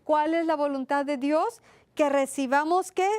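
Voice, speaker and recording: High-voiced woman preaching earnestly. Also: unhurried, darkish tone, no echo. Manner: earnest, repetitive, asks and answers her own questions. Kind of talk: sermon.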